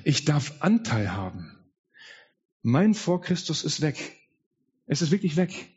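A man's voice: fairly high pitch, sing-song, slow pace, darkish tone, slightly rough, highs cut off. A man preaching an earnest, heartfelt Easter sermon in a church, telling his own story with quoted dialogue. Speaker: pastor.

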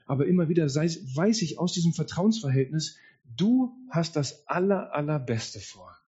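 A man's voice: a little high, a little mellow, husky. A man preaching a sermon at a church service, speaking earnestly and straight to the congregation. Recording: dull lo-fi sound.

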